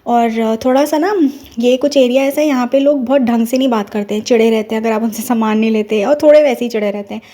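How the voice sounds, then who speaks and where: A woman's voice: a little high, fairly even intonation, fast, few pauses, warm tone. A young woman telling a personal devotional story in an earnest, casual storytelling way. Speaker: devotee sharing a personal experience. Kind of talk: casual spoken testimony.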